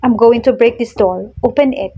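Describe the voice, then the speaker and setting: A woman's voice: a little high, moderate pace, dark tone, a little hiss or hum, close to an everyday voice. Woman reading as an anguished young rich man. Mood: desperate. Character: desperate young man, anguished billionaire fiancé.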